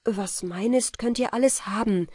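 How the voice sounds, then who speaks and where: A woman's voice: medium pitch, normal speed, a little mellow, breathy edge, no echo, clean studio sound, close to an everyday voice. A woman voicing a modest, noble-minded young man who speaks formally and politely. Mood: eager. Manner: formal, polite, old-fashioned speech.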